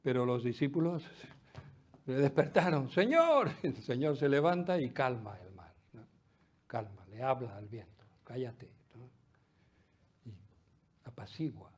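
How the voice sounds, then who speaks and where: A middle-aged man preaching a sermon, swinging loud exclamations to hushed, almost whispered asides. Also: mid-range voice, measured pace, pauses often, breathy edge. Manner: lively preaching with sudden drops to near-whisper. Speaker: pastor.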